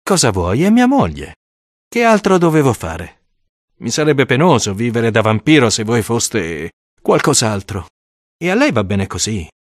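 A reader voicing an affable vampire father who coaxes his son, spoken low and persuasive. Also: sing-song, unhurried, no echo, clean studio sound. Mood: coaxing. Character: vampire father, friendly and coaxing.

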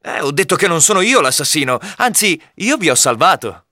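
A man voicing a bold, cheerful young male archer in a storybook reading, speaking calmly and firmly. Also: mid-range voice, moderate pace, no room sound, studio quality, close to an everyday voice. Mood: urgent, firm. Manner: calm, firm.

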